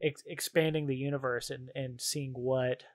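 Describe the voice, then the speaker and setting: A man with a medium-pitched, steady voice chats casually and enthusiastically about games and films as a podcast co-host, using informal, slangy phrasing. He talks at a moderate pace, and the studio-quality recording has no echo.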